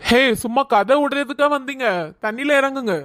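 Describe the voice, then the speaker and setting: A woman's voice: high-pitched, a little fast, lightly acted. A woman voicing a bossy, complaining young man who is out with his friends in a comedy sketch.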